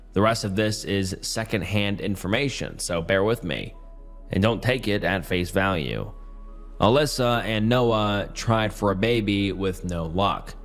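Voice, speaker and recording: A man narrates Reddit posts for a YouTube story channel in a casual, chatty manner. His fairly low voice sounds strained and is partly going hoarse.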